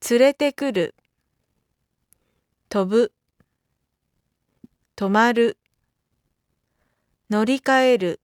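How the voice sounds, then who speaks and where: A woman reading out lesson vocabulary carefully, one isolated item at a time with pauses between. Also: fairly high pitch, smooth, no echo, clean studio sound. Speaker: Japanese vocabulary reader. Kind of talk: scripted word-list reading for a language lesson.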